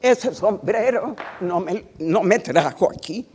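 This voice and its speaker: An older woman from Cuba, a guest author giving a wry, unhurried talk in a university auditorium. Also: mid-range voice, animated, a little mellow, a little hiss or hum. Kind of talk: public talk at a workshop.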